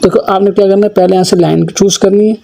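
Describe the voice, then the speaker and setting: A man with a fairly high, gravelly and mellow voice teaches a screen-recorded software lesson. He explains each step patiently and speaks the learner's requests aloud himself. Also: steady tone, fast talker. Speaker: computer course teacher.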